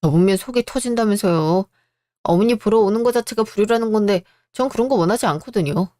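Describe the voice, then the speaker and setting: A hardworking younger son worn down by years of family favoritism, voiced by a woman. He speaks bluntly, with steady bitterness. It is a close, dry radio-drama read. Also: medium pitch, fast, dry recording, lightly acted. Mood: bitter.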